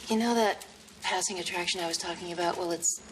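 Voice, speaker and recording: Woman playing a tough wisecracking flirt, lowish voice, noisy sitcom audio. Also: quick pace, close to an everyday voice. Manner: sassy, deadpan comebacks. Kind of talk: 1990s sitcom acting. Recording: sitcom recording with audible background noise.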